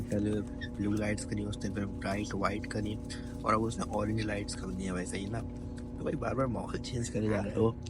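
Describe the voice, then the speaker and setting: This young adult travel vlogger from Pakistan speaks with a Pakistani Urdu accent and a voice on the low side. He chats casually into a handheld phone, frequently checking with viewers whether he's right.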